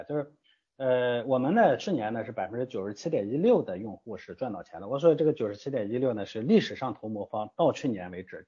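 A man's voice: on the low side, dark tone, slightly rough, dull audio. A man answering interview questions as a guest from an investment platform, emphatic and full of rhetorical questions.

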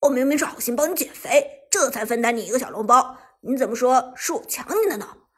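A woman voicing a cheeky, quick-tempered young man who talks loudly and indignantly, with a slightly husky voice. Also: high voice. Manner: loud, indignant, whiny.

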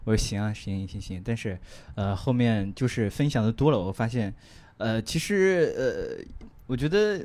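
Man, middle pitch, lively intonation, halting, repeats himself, self-mocking. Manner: hesitant, stammering, repeats words, laughs at himself. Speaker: comedian guest. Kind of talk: casual comedy podcast chat.

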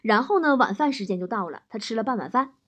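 A woman's voice: fairly high pitch, expressive, fast, a bit bright. A woman telling a string of comic stories in a chatty way, laughing between the jokes. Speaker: joke teller. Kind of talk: comic storytelling.

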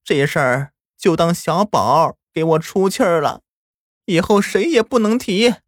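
A man voicing a stubborn old village grandmother who speaks slowly and firmly. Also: on the high side, no room sound, studio quality, pitched above the performer's own voice, natural voice. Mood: stern. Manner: slow, drawn-out and firm.

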